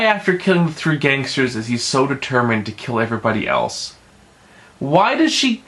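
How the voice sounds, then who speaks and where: A man's voice: high voice, a bit bright. A man giving a casual, profane film review, rambling and stumbling over his words, with emphatic, exasperated complaints.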